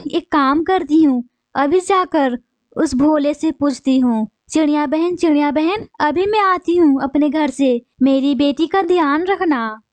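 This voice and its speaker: A woman voicing a female bulbul bird, a sharp-tongued wife and mother, with a scolding, bossy manner. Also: sits high, no room sound. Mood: worried. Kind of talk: cartoon voice acting.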